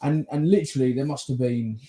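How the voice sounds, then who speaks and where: A man hosting a casual podcast, blunt and sweary, quick to laugh as he trades stories. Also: medium pitch, dark tone. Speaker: podcast host. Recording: echoey room.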